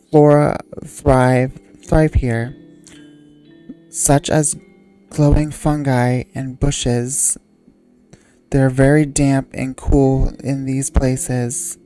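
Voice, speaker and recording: A drowsy woman who runs a channel yawns as she reads wiki entries out loud, haltingly and tripping over words. Her voice is low, rumbling, and mellow.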